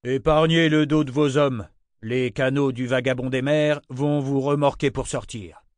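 A man voicing a bold, brisk merchant offering help, in a storybook reading. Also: medium pitch, steady tone, dry recording, studio quality, close to an everyday voice.

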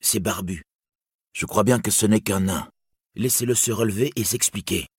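A stern young outlaw captain, grave and commanding, with a bitter edge, as a man puts him on. The voice is deep and husky, in a dry storybook reading. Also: moderate pace, no room sound.

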